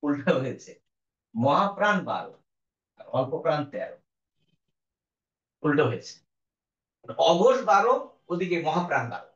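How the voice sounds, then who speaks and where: A man teaching a lesson, talking slowly and deliberately and drawing out sounds to demonstrate them. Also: fairly high pitch, very animated, fairly bright tone. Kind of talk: classroom lesson. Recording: echoey room, dull lo-fi sound.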